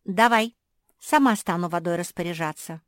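A woman's voice: fairly low pitch, moderate pace, no echo, clean studio sound, close to an everyday voice. A woman voicing a touchy, whiny young pug girl in a children's story. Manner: whiny, petulant.

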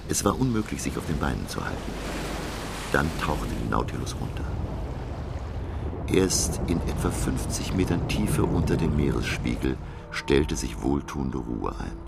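An actor playing an earnest, educated professor held captive in a radio drama, with a formal, dramatic delivery. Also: male voice, extremely low pitch, very animated, unhurried, creaky, heavy background noise, heavily acted. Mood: tense, narrating. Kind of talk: German radio drama, dialogue and dramatic narration.

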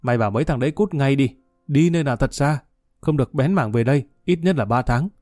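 A man's voice: mid-range voice, fast, darkish tone, no room sound, studio quality, soft background music, natural voice. A man playing a scheming, two-faced male company boss, bellowing at his men and falsely polite to others. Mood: raging.

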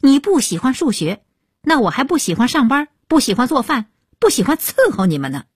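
A woman voicing an angry middle-aged mother who scolds her daughter loudly and shrilly. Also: mid-range voice, big pitch swings, a little fast, husky, no echo, clean studio sound, heavily acted. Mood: angry scolding.

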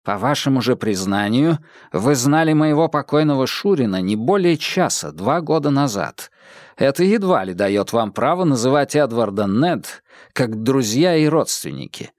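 A man's voice: medium pitch, lively intonation, moderate pace, a little mellow, no room sound, studio quality, natural voice. A man voicing a proud, stiff elderly male historian in an audiobook, cutting and indignant. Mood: haughty.

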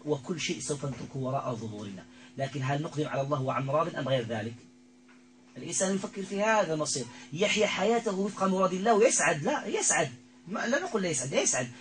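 Fast-talking man leading an exorcism session. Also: on the high side, a little hiss or hum, poor audio. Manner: commanding, repetitive, with constant religious phrases. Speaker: ruqyah healer. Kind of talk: exorcism session, addressing a spirit.

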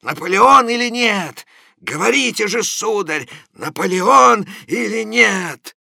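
A man's voice: high-pitched, lively intonation, slow pace, creaky, bright, forceful tone, no echo, clean studio sound, pitched above the performer's own voice, exaggerated voice. A man voicing an indignant lodger who trembles with rage and lectures with rhetorical questions.

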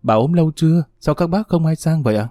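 A man voicing a hurt young boy who speaks quietly and earnestly. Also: fairly high pitch, quick pace, dry recording, studio quality, voice pushed up, natural voice.

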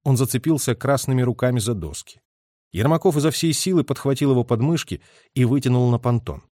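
A man reading a war novel aloud in an expressive, dramatic narration style. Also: medium pitch, a little fast, no echo, studio quality. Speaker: audiobook narrator.

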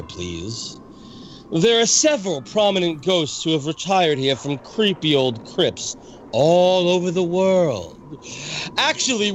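Man voicing a drawling sinister ghost host, slow, swooping, theatrical cackler. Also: high-pitched, slight background noise. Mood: mocking. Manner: drawling, gloating, with cackling laughs. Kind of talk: amateur reenactment of a ride narration.

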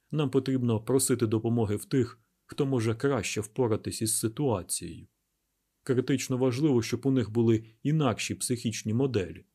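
A man reading an audiobook plays a calm, calculating male mayor laying out a plan in a measured, deliberate way. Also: medium pitch, husky, lightly acted.

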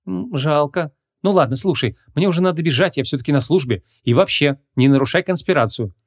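Guy voicing a bubbly young cop woman, high and playful, audiobook. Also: a little fast. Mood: lively.

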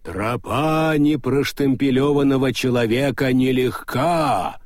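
A man voicing an unseen ritual master who pronounces every line slowly and solemnly. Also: medium pitch, darkish tone, no room sound, pitched above the performer's own voice, lightly acted. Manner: solemn, slow, ceremonial pronouncements.

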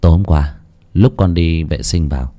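A man narrating a horror story in a dramatic, expressive reading. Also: low-pitched, normal speed. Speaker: audiobook narrator. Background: soft music.

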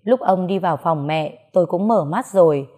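A woman's voice: fairly low pitch, normal speed, dark tone. A woman narrating a dramatic first-person story with emotion.

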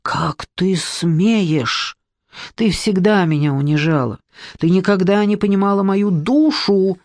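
A storyteller voicing a shrill, touchy, unkempt man with a high squealing voice, indignant and self-pitying. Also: takes it slowly, darkish tone, no room sound.

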